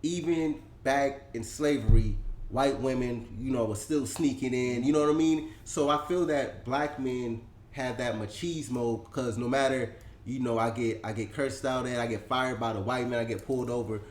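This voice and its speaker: A man co-hosting a casual barbershop discussion, talking in an animated way and climbing higher when he presses a point. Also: normal speed. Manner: animated, rising pitch when stressing points. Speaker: podcast co-host. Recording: echoey room.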